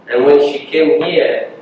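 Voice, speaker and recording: A man's voice: fairly high pitch, slow pace, highs cut off, slight background noise. African-accented man, echoey hall. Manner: storytelling with laughter, acting out dialogue. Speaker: guest speaker sharing his story. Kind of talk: personal testimony. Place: church hall. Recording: echoey church hall from far off.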